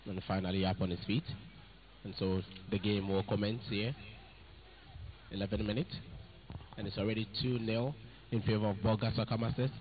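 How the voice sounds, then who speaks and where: A man giving live football commentary, calling out "ladies and gentlemen" as he narrates play. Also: fairly low pitch, level tone, normal speed, long pauses. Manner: keeps addressing "ladies and gentlemen". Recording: phone-like narrow sound.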